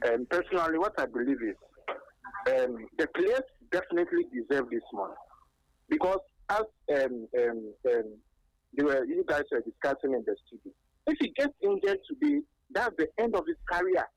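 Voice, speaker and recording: A woman's voice: deep voice, sing-song, moderate pace, dry recording. A woman with a Ghanaian accent calling in to a radio sports show over a clipped phone line, making her case earnestly and emphatically with frequent hesitations. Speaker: radio call-in caller. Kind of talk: call-in opinion on a sports show. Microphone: telephone.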